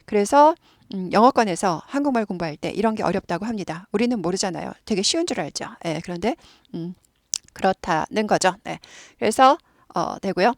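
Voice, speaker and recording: A woman's voice: medium pitch, expressive, a little fast, no echo, clean studio sound. A woman teaching an English lesson, explaining patiently and repeating words many times for learners to copy.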